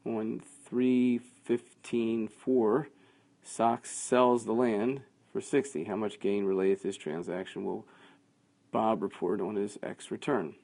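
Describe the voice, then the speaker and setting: A man teaching a class, working through quiz answers out loud in a conversational way. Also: lowish voice, steady tone, slow pace, creaky. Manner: thinking aloud, conversational, with fillers.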